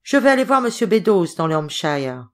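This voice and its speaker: A woman reading the lines of an insolent, drunken old male sailor with a gruff, sneering manner. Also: lowish voice, big pitch swings, moderate pace.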